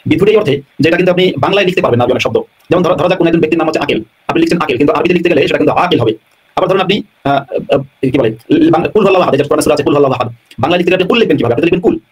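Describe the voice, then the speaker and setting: A man's voice: fairly high pitch, breathy edge. A man answering viewers' questions on a live online talk show, explaining at length and repeating his points. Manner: explanatory, talks fast, repeats phrases. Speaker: guest scholar answering questions.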